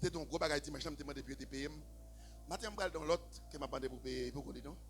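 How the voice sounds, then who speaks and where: A man with a Haitian accent preaching a sermon in church, swinging from low, quiet talk to shouted, half-sung preaching. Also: very fast, soft background music. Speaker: pastor. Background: faint keyboard.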